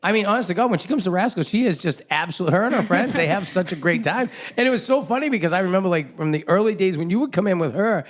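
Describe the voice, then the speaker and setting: Lively, animated man hosting a chat. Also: high-pitched, fast talker, hardly any pauses. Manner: animated, swears freely, laughs often. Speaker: podcast host. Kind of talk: casual chat.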